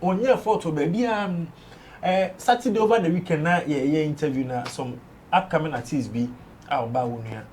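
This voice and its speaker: This clip features a man with a Ghanaian accent weighing in during a relaxed studio discussion on an entertainment show, blending English and Twi forcefully. His voice sits on the high side with a darkish quality, and he speaks fairly quickly over slight background noise.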